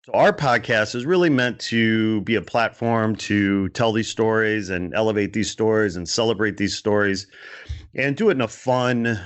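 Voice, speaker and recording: A man's voice: fairly low pitch, normal speed. A man hosting a podcast interview over a remote call, enthusiastic and rambling, with many fillers and restarts. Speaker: podcast host. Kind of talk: casual interview chat. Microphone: remote call setup.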